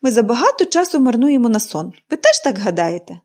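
A woman's voice: a little high, sing-song, brisk, a little mellow. Woman reading as an eager chatty young girl. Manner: eager, gushing. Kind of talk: audiobook character reading.

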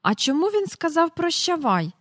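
A woman's voice: very high voice, big pitch swings, normal speed, a bit bright, no room sound, clean studio sound, voice pushed up, full character voice. A woman voicing a small, curious boy who asks eager questions.

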